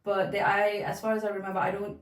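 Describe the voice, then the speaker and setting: A woman's voice: mid-range voice, flat delivery, quick pace. A woman speaking as a guest in a casual interview, earnest and reflective, often repeating herself. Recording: roomy sound, mic at a distance.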